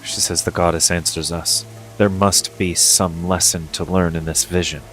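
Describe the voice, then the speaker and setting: Deep guy reading out quest text while gaming, faint music. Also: flat delivery, normal speed, fairly bright tone, poor audio. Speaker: game streamer reading quest dialogue. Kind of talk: reading game dialogue aloud, casual asides.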